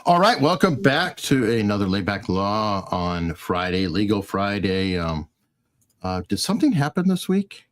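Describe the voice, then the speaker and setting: A man hosting a casual panel chat over a video call, relaxed and teasing, with hesitant fillers. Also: fairly low pitch, a little slow. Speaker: host.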